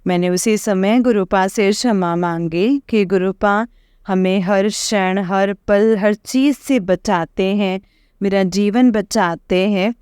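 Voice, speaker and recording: A woman's voice: medium pitch, steady tone, slow pace, a little mellow, clean tone, no room sound, clean studio sound. A woman telling a rambling personal testimony to a congregation, full of hesitant fillers and repeated address to her listeners. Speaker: devotee sharing a testimony.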